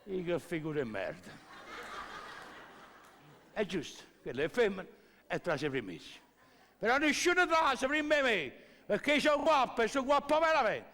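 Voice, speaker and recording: An actor playing a boastful Neapolitan street tough in a comic sketch, blustering in local street slang. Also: male voice, high-pitched, very animated, moderate pace, long pauses, full character voice. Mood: indignant, boastful. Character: swaggering Neapolitan street tough demanding to go first. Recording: echoey, loud music.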